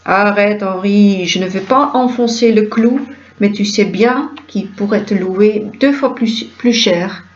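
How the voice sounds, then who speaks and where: A woman's voice: mid-range voice, slow pace, roomy sound, close to an everyday voice. A woman reading the part of a fussy, critical mother of grown sons who talks in a disapproving, insistent way. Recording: dull lo-fi recording.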